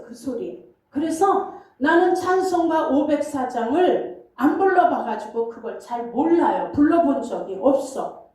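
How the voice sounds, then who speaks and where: A woman pastor telling her own story in a sermon, in an animated, colloquial way. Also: sits high. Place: church sanctuary. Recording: very echoey hall, distant mic.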